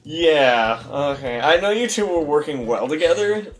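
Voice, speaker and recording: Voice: medium pitch, animated, unhurried, faint music behind, lightly acted. A game player voicing a blunt, mock-stern middle-aged male police chief in their own plain voice during a let's play. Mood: matter-of-fact.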